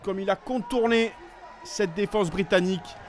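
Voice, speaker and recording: A man giving excited sports commentary, calling the play as it happens with urgency on each attack. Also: high-pitched, moderate pace, a faint crowd.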